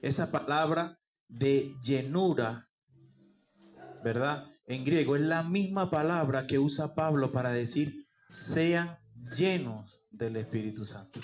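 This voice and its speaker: A man's voice: on the high side, slow. A male pastor preaching a sermon, asking rhetorical questions and answering them himself. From Peru. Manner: rhetorical questions answered aloud, acts out quoted voices.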